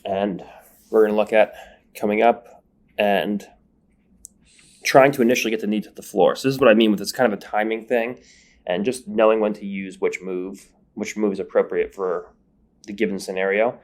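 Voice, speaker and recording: Speaking at a normal speed with fairly even intonation and a voice on the low side, this grappling instructor lays out each step clearly. He sniffles from a numbed nose during the voice-over, which was recorded separately.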